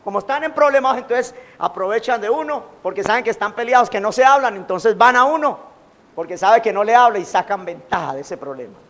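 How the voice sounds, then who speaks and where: A man preaching a sermon as pastor, animated, acting out quoted taunts. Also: sits high, brisk. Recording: long hall reverb.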